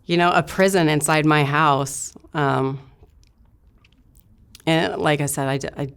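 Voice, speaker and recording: A young woman from Idaho, USA, speaks as an interview guest, candidly recounting her past in a plain, matter-of-fact way with frequent filler words. Her voice is deep, steady, unhurried, and clear with a resonant tone.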